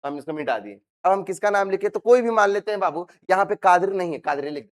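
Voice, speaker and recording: A man's voice: high voice, animated, fast. A man teaching science to a live class, repeating questions and having students recite the terms after him. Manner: calls students "babu", teasing and scolding them. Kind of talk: classroom lecture.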